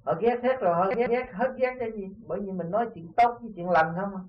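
A man's voice: high-pitched, quick pace. A man with a Southern Vietnamese accent, a spiritual teacher giving an informal talk to disciples, earnest and often asking his listeners if they see the point. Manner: earnest, repeatedly asks "see?". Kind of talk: informal dharma talk with parables. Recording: tinny distant lo-fi tape.

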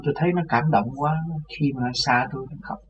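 A man telling a personal religious story in an animated way, often laughing. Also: medium pitch, a little fast. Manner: animated, laughs often, voices others in his tale. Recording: lo-fi with faint background noise.

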